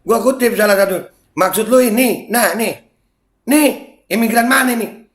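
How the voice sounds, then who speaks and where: A middle-aged Indonesian man with a Jakarta Betawi accent reacts to social media comments at a moderate pace, mocking and heated in a casual way. He swings between low muttering and loud, indignant outbursts, laughing and sighing often.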